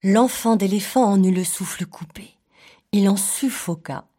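Slow, breathy woman reading a children's story. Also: mid-range voice. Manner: slow, expressive, playful storytelling.

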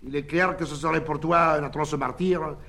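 A man's voice: fairly high pitch, steady tone, normal speed, pushed and bright. Guy as a joking old-time country doctor in a storybook, bantering. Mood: jovial. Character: village doctor, jovial and teasing.

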